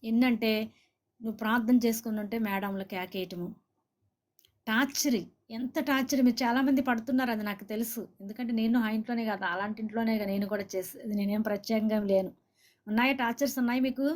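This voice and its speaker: Woman preacher, somewhat high voice, earnest exhorting sermon delivery. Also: fairly even intonation, fairly quick, darkish tone. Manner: exhorting, asks listeners to say amen; speaks directly to viewers and comments.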